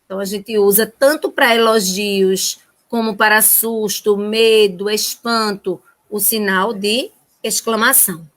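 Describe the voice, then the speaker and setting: A woman's voice: medium pitch, steady tone, unhurried, fairly bright tone. A Brazilian woman teacher giving a remote lesson to first graders in a sing-song, child-directed way. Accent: Brazilian Portuguese.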